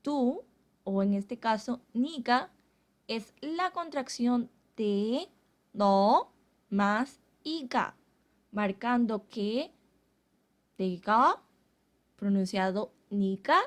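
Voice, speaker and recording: A woman teaching a Korean grammar lesson, explaining slowly and carefully. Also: a little high, lively intonation. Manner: slow, carefully spelled-out explanations.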